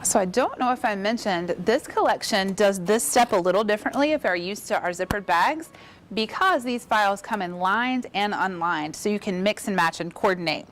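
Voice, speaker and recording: A woman's voice: mid-range voice, lively intonation, moderate pace. A woman giving an upbeat, chatty embroidery demonstration, encouraging viewers as she works. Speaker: embroidery instructor. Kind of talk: casual demonstration.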